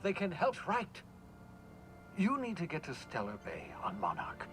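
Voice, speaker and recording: An actor playing an eccentric, rambling colony scientist in a video game, offhand and darkly cheerful. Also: male voice, a little high, wildly swooping pitch, a little slow, music in the background, poor audio. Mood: scheming. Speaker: game character.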